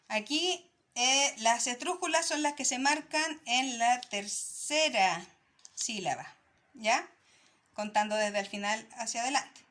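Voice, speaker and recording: A woman's voice: high voice, a bit bright. A woman teacher, explaining a grammar lesson to young pupils in a patient way and often checking that they are following. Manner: patient, checks in with "¿ya?" after each point. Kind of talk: recorded classroom lesson.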